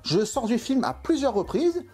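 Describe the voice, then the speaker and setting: A man's voice: extremely high pitch, sing-song, normal speed, darkish tone, slightly rough, soft background music. A man reviewing a film in an exasperated, emphatic way, full of rhetorical questions. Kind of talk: opinionated video film review.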